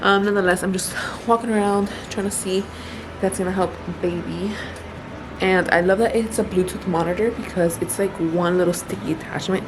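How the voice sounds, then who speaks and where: A woman's voice: medium pitch, fairly even intonation, a little fast, noisy background. Chatty young woman vlogging from hospital. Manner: chatty, upbeat, self-deprecating. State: tired, in labor. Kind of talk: casual vlog narration. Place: hospital room.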